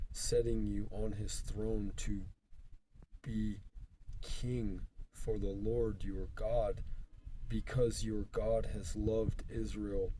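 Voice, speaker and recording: A man reads scripture aloud stiffly and haltingly, breaking it into short phrases. His voice is somewhat low and very monotone, and he goes very slowly. The recording has clear background noise and clicks. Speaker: Bible reader.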